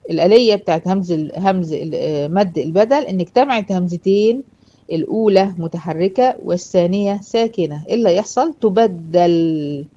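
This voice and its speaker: A woman's voice: mid-range voice, lo-fi sound. Egyptian woman teaching with patient repetition. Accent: Egyptian Arabic. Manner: explains patiently, asks and answers her own questions, drawls example words slowly. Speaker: Quran recitation teacher. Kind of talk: classroom lesson.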